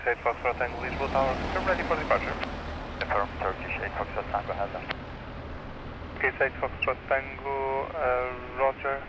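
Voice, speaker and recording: A man's voice: mid-range voice, brisk, pauses often. A man speaking air traffic phraseology over an aviation radio headset. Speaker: pilots and air traffic controllers. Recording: muffled, noisy aviation radio transmission.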